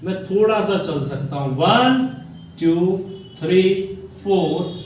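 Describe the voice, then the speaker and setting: A man's voice: high-pitched, lively intonation, slow, a little mellow, a little hiss or hum. A male chemistry teacher lecturing at a board, quizzing students and repeating key words for them to answer. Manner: call-and-response questioning, repeats key words. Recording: echoey room from far off.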